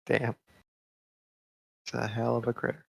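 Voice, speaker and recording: A man's voice: mid-range voice, monotone, measured pace, vocal fry, a little mellow, no room sound. A man playing a tabletop game, laid-back and joking. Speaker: player.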